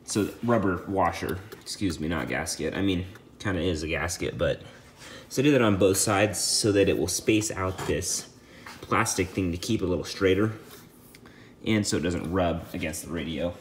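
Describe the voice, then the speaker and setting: In a casual how-to walkthrough, a DIY video host talks through a job step by step in plain, informal language. His voice sits low, he speaks at a normal speed, and slight background noise can be heard.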